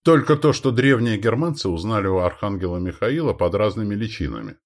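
A man reading an audiobook aloud as narrator, with expressive storytelling. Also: lowish voice, a little fast.

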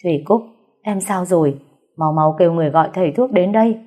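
A woman's voice: lowish voice, fast talker, soft background music, close to an everyday voice. A woman reading a novel aloud voices an older man, a grieving head of a wealthy house, who demands answers in a shaken voice. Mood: agitated. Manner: agitated shouting questions.

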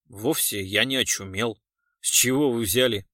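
A man's voice: mid-range voice, expressive, normal speed, a bit bright, no echo, studio quality, lightly acted. A man voicing a formal male army engineer major who answers in clipped military phrases.

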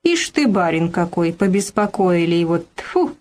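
A woman voicing a cantankerous old grandmother with a creaky, grating voice and a scolding manner, read in an audiobook. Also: on the low side, big pitch swings, unhurried, darkish tone. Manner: quarrelsome, scolding.

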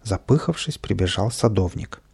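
A man narrating a children's audiobook in a lively storytelling manner. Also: fairly low pitch, moderate pace, gravelly, slightly rough. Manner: lively storytelling, plays all the voices.

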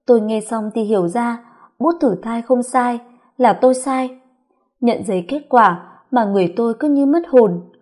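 A woman's voice: a little high, moderate pace, a little mellow. A woman narrating a first-person audio story in a confiding, reflective way.

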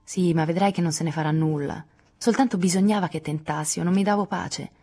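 A woman's voice: fairly low pitch, brisk, mellow, husky, faint music behind. A woman reading aloud, voicing a spirited, outspoken teenage girl who talks bluntly and impulsively. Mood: eager.

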